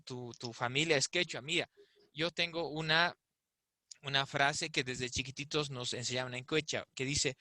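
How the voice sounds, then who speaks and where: A fairly high, pushed and bright male voice, dry in the recording, belongs to an invited speaker explaining ideas in a conversational online discussion. He frequently asks rhetorical questions.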